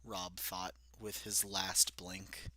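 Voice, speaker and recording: This dry recording has a young man reading his childhood story aloud on his own, commenting and laughing self-deprecatingly at his old writing. His voice is low-pitched and pushed and bright, with little pitch movement, and he goes slowly.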